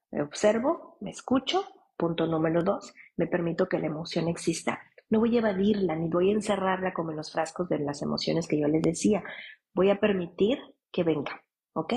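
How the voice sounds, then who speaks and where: A middle-aged woman psychologist, calmly explaining steps to parents and often checking in with "ok?". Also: medium pitch, slightly rough, rough recording. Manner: calm, repeats "¿ok?" to check in.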